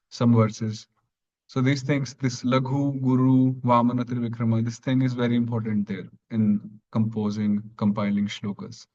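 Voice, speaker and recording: A man teaching an online grammar class, explaining patiently step by step and clearing his throat now and then. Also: medium pitch, darkish tone, dull audio.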